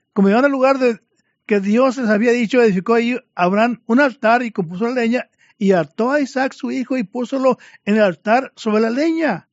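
A man's voice: extremely high pitch, no room sound. A man preaching a fervent sermon to his congregation, addressing them again and again as brothers, in a dull lo-fi recording.

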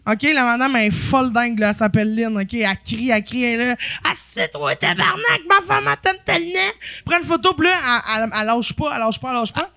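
A woman with a Québécois accent, a podcast guest telling a story in lively casual chat, swearing freely. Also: a little high, racing, few pauses, smooth.

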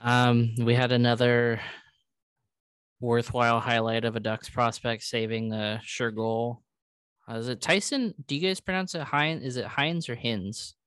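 Man, clear smooth voice, dry close mic, casual sports podcast, lots of uh and um. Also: mid-range voice, normal speed, fairly bright tone, no echo. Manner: conversational, hedging with fillers. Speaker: podcast co-host.

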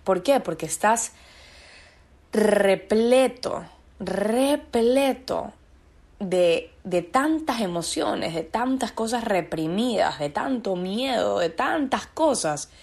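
A woman's voice: medium pitch, very animated, a little slow, gravelly, hardly any pauses. A woman as a podcast guest, talking about her own experience in an earnest, searching way and repeating words for emphasis. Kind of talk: reflective personal conversation.

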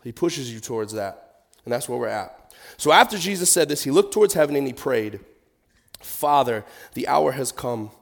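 A man delivers a conversational church sermon. His mid-pitched voice is nasal and gravelly, with a crackle to it. He speaks informally but emphatically, repeating key words and moving between casual explanation and scripture reading. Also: animated, fairly quick. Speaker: preacher.

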